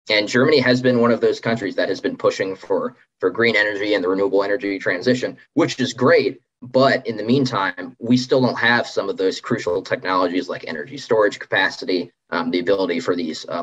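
Husky low-voiced man, dull lo-fi audio. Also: steady tone, fairly quick, a bit bright. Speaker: interview guest, policy associate. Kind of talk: conversational policy explanation.

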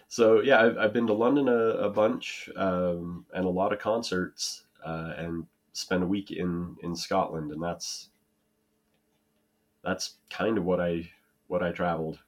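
Deep-voiced rambling American man. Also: fairly even intonation, measured pace. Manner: rambling, self-deprecating, frequent restarts and laughs. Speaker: podcast co-host. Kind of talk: casual chat.

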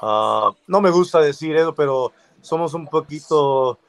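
Mexican guy chatting easy, kinda high voice, laughs a lot, dry close mic. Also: a little slow, no room sound. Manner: relaxed, laughs between phrases. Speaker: guest. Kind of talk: casual conversation.

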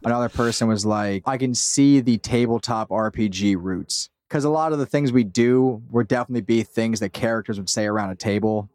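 Interviewed as a podcast creator, a man talks informally and self-deprecatingly, often quoting people as he goes. His mid-range, darkish voice moves briskly with few pauses, and there's no echo.

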